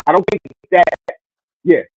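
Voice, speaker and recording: A man calling into a casual sports debate, loud and emphatic, his call audio choppy and breaking up. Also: normal speed, dull audio.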